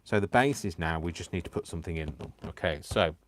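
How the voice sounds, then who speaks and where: A man from Coventry, England, livestreams craft demonstrations, chatting and ribbing himself while talking both to himself and his viewers. His Coventry English accent is worn by years in Yorkshire, and his low voice runs a little fast. A slight hiss or hum sits in the audio.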